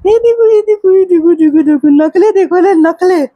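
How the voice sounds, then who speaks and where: A woman's voice: very high voice, moderate pace, warm tone, dry recording. A mother with a Rajasthani accent coaxing her child awake in sing-song baby talk, filmed on a phone at home. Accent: Rajasthani Hindi. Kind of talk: casual home vlog.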